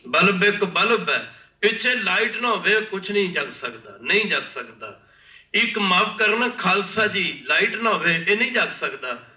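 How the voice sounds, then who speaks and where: A man from India preaching a sermon with storytelling, impassioned and repeating his phrases, often pausing to beg the congregation's pardon. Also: high voice, animated. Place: large worship hall. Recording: echoey hall, distant mic, dull lo-fi.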